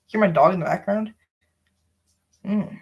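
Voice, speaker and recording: A man's voice: high voice, a little slow, slightly rough, lo-fi sound. A young man from the American South, chatting casually to viewers on a live stream, rambling with lots of fillers while he sets things up.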